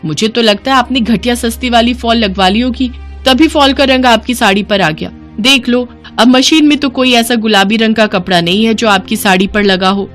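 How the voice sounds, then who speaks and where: A woman voicing a young daughter-in-law in a cartoon, quick, defensive and excitable. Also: on the high side, soft background music, lightly acted. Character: young wife, fibbing, flustered daughter-in-law. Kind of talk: cartoon voice acting.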